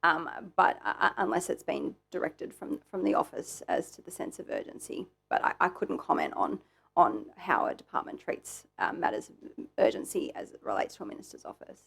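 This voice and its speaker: A woman's voice: deep voice, very animated, normal speed, vocal fry, husky. An Australian woman giving careful testimony as a witness, hesitant and repeating her words. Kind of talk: formal testimony.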